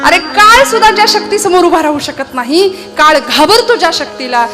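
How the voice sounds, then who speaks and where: A cunning old male advisor, voiced by a woman kirtan performer, needles and lectures his nephew with scornful impatience. The voice sits high, with musical accompaniment behind. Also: animated, moderate pace, over music. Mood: urging. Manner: needling, condescending, urging. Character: scheming old uncle Shakuni, sly advisor.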